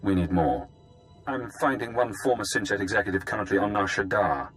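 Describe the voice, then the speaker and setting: In a video game, a male actor with a lowish voice plays a cold, brilliant intelligence informant. His calculating delivery comes in deliberate, clipped phrases, menacingly calm, with faint music behind.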